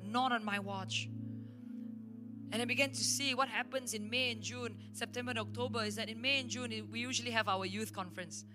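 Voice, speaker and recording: A woman's voice: on the high side, brisk. A woman pastor with a Malaysian English accent, preaching and telling stories emphatically at a church service. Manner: emphatic, animated storytelling. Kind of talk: sermon storytelling. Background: faint instrumental worship music.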